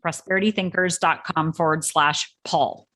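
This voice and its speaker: A woman's voice: low voice, fairly even intonation, moderate pace, fairly bright tone. A woman guest and financial coach, answering questions in a confident, emphatic way. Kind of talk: interview answers.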